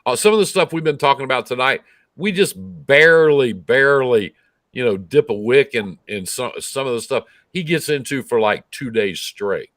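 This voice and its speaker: A man's voice: mid-range voice, expressive, normal speed, fairly bright tone, no echo, clean studio sound. A man co-hosting casual trucker talk in a blunt, sarcastic way, swearing freely.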